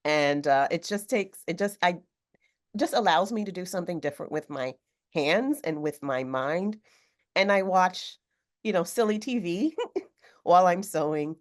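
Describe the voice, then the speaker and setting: Speaking from a room at home that has a sewing machine in it, an author guest joins by video call through a webcam. Her voice is notably low and slightly hoarse from a cold, and she talks thoughtfully and unhurriedly, with the occasional filler.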